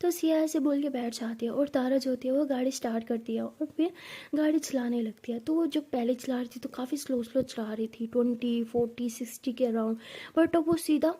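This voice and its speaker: A woman narrating a love story in a conversational way, clearing her throat now and then. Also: high voice, fairly quick, mellow.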